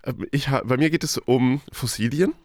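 A man's voice: medium pitch, normal speed, no room sound, studio quality. A man co-hosting a podcast, telling stories in a casual, conversational way. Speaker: podcast co-host.

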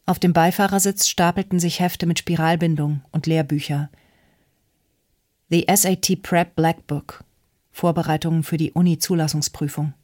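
An audiobook narrator reading a novel in an even, measured way. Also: mid-range voice, dry recording, clean studio sound. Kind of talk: scripted narration.

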